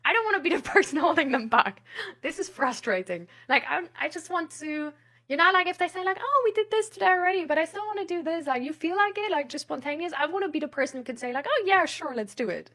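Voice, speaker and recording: A woman live streamer chats casually with her viewers and reads out their messages, rambling and giggling with hesitant phrasing. Her voice sits high and sounds pushed and bright, with lively intonation, and she talks fast.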